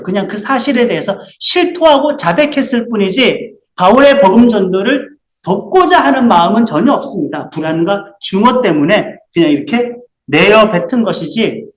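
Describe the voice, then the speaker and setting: A man's voice: high-pitched, reverberant. A male pastor preaching a sermon, explaining his points and putting rhetorical questions to the congregation. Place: church sanctuary.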